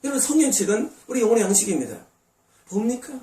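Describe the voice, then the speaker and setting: A man's voice: high voice, big pitch swings, fast talker, dark tone. A pastor preaching a sermon to his congregation, often putting rhetorical questions to them. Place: church sanctuary. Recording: echoey church sound from a distant mic.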